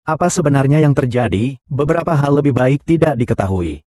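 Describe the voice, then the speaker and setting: A man dubbing every role in one even voice. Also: mid-range voice, fairly quick, no echo, studio quality, lightly acted. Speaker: dub voice for all roles. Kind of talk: dubbed short drama dialogue.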